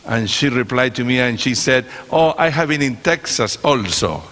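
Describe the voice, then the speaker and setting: Here a man with a medium-pitched voice talks animatedly at a normal speed, delivering a casual, humor-laced sermon to a congregation as a visiting preacher. He is Chilean, a native Spanish speaker whose accent shows, and he pauses hesitantly quite often. He stands on the stage of a large church, and the audio is reverberant with crowd noise in the background.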